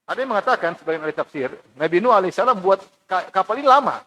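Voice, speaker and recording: A male preacher at a mosque giving a Quran commentary lesson, animated, acting out mocking townsfolk in lively asides. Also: high-pitched, very fast, low-quality recording. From Indonesia. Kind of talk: mosque study sermon.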